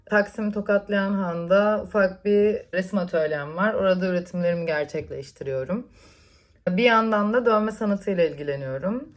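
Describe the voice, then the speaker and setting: Fields: Sex: woman. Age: 20s. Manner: calm, reflective. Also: medium pitch. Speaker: painter and tattoo artist. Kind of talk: personal artist statement.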